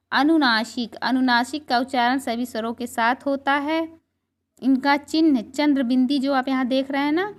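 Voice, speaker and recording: A woman teacher giving a grammar lesson and walking through a table, slow and deliberate, drawing out her example words. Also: high-pitched.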